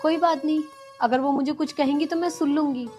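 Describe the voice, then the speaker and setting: Casting: actress as a gentle pleading daughter-in-law, high voice, faint music. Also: female voice, fairly even intonation, fairly quick, close to an everyday voice. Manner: pleading, earnest. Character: patient, dutiful young village daughter-in-law.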